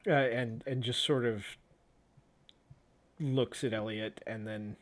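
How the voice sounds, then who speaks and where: A man running a tabletop role-playing game as game master, narrating scenes with pauses and restarts. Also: mid-range voice, steady tone.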